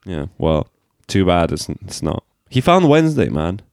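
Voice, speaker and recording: Deep, lively-pitched joking man. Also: measured pace, gravelly, no echo, clean studio sound. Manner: animated, jokey. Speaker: podcast co-host. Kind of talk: casual chat.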